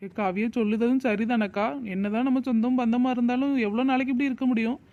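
A woman's voice: fairly high pitch, fairly even intonation, quick pace, a little mellow, dull audio, natural voice. A woman voicing a cheerful young neighbour in a cartoon, chatty and reassuring. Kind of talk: cartoon voice acting.

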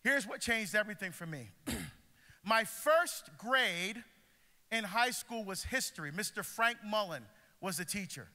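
This is a Barbadian deacon in middle age, delivering a fervent sermon to schoolchildren with a high-pitched voice at a measured pace. He is animated and emphatic, roaming the stage inside a big school pavilion where the sound echoes with long hall reverb.

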